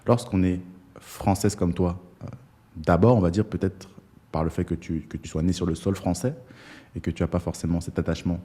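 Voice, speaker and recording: A young man with a low, dark, mellow voice hosts a relaxed interview. He talks in a casual, searching way, often pausing on fillers and repeating words as he builds his questions. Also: husky. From Togo. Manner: hesitant, many fillers and restarts. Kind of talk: conversational interview.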